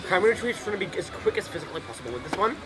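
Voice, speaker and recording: With game music behind him and heavy background noise, a young gameplay streamer races through casual commentary. His voice sits high and sing-song, and he rambles, swears and repeats himself.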